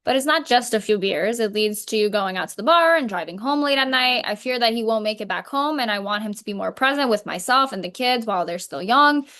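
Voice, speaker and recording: A woman's voice: fairly high pitch, expressive, brisk, few pauses, a bit bright. A woman playing a worried, fed-up wife in a counselling role-play, speaking firmly and plainly.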